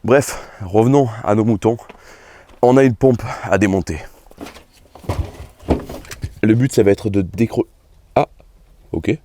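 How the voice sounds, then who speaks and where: A man's voice: fairly low pitch, slow pace, long pauses, warm tone, slight background noise. A young man casually vlogging about his car, swearing often and thinking aloud as he works in his garage. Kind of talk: casual vlog commentary.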